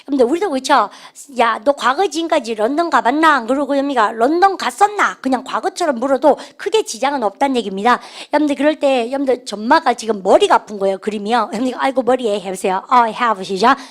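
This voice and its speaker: 여성, 높은 목소리, 영어 문법 강의, 구령에 맞춰 따라 말하게 함, 예문은 천천히. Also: female voice, high voice. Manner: call-and-response drilling, cues students with "시작" and says English sentences slowly. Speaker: English grammar teacher. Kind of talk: classroom grammar lecture.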